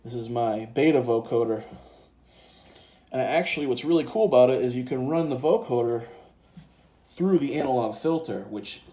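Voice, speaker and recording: A mellow, mid-range male voice at a moderate pace, pausing often, leads a casual hands-on software and synth demonstration for a gear tutorial. He's set up indoors next to a synthesizer keyboard and recorded with a handheld phone and a separate handheld mic.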